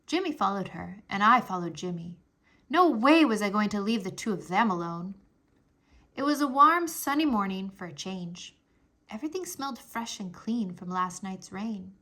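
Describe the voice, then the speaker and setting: A woman reading a children's chapter book aloud, narrating in an expressive, animated way. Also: medium pitch, moderate pace.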